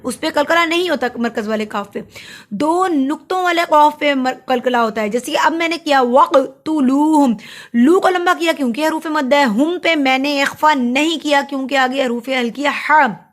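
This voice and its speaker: A woman teaching Quran recitation rules, explaining each letter and drawing out the words slowly. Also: high-pitched. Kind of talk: tajweed lesson with recitation.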